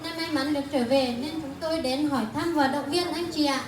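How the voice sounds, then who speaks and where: A woman acting out a polite community worker who offers advice and encouragement. Her voice is high. It is recorded far from the mic in a very echoey room. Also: steady tone, a little fast, lightly acted. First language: Hmong. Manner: polite, advising. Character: earnest female community media worker. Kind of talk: amateur skit acting.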